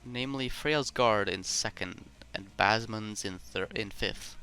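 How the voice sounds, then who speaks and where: A man co-hosting a casual podcast over a voice call, relaxed and a little hesitant, his failing headset making the audio choppy. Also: on the low side, unhurried, clear, resonant tone, soft background music. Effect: glitchy choppy internet audio. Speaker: podcast co-host. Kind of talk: casual chat about a board game.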